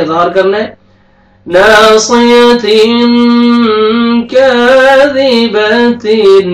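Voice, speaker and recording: A man with a Pakistani Urdu accent teaching a tajweed lesson, slowly chanting verses and then quickly explaining the rules in a soft voice. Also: high voice, distant mic. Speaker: Quran teacher. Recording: echoey room, voice a bit off-mic.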